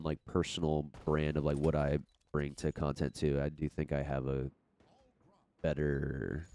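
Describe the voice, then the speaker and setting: A man's voice: extremely low pitch, dark tone, a little hiss or hum. A young man with a stuffy, congested voice, rambling through an unedited podcast-style chat about his gaming channel. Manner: rambling, many fillers and restarts. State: congested from a cold.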